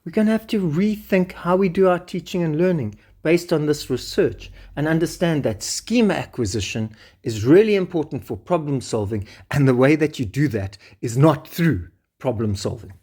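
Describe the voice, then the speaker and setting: A man's voice: on the high side, lively intonation, moderate pace, a little mellow, husky. A man lecturing through a research paper, reading passages and breaking in with enthusiastic, exclamatory asides. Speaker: education lecturer.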